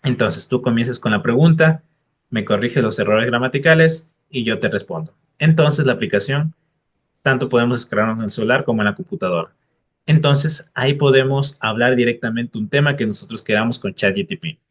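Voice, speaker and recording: A man's voice: medium pitch, brisk. A man, an English tutor, giving direct and encouraging study advice to the viewer in a casual explainer video.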